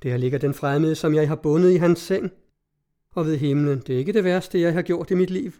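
A man voicing a desperate, defiant young woman in an audiobook reading, with a mellow voice. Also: on the high side, close to an everyday voice.

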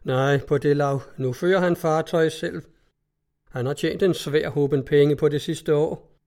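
A man voicing a grieving, weary old villager who speaks slowly and heavily. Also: fairly high pitch, steady tone, darkish tone, close to an everyday voice. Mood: sorrowful. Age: older.

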